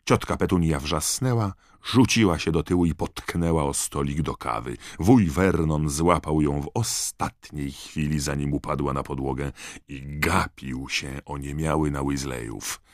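A man narrating an audiobook in a measured, expressive storytelling manner. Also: a bass voice, no room sound, studio quality. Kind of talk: scripted narration.

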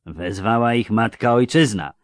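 A man's voice: lowish voice, a little slow, no echo, studio quality, voice pushed up, lightly acted. Man voicing a sullen sneering dwarf. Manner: gloomy, sneering. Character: sullen, mocking male dwarf.

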